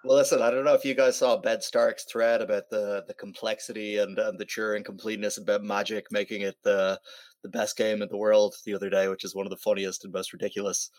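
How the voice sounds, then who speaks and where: A man's voice: lowish voice, flat delivery, quick pace, darkish tone, dry recording. A man co-hosting a casual podcast, talking at length with fillers and restarts. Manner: rambling, hedging with fillers and repeats. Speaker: podcast co-host. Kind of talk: casual chat.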